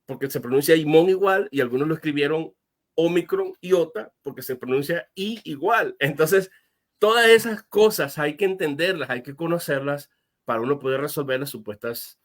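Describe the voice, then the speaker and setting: A pastor explaining a Bible question as an interview guest, earnest and step by step, with frequent fillers and restarts. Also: male voice, on the high side, normal speed. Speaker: guest answering viewer questions.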